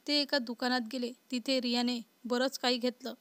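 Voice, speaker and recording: A woman narrating a love story in an even, unhurried reading voice. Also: on the high side, clear, resonant tone, dry recording.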